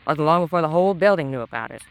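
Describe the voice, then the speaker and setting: In a 1950s radio crime drama, an actress plays a nosy, gossipy landlady who disapproves of everything. Her voice is low, animated and racing, and her speech is folksy, chatty and colloquial.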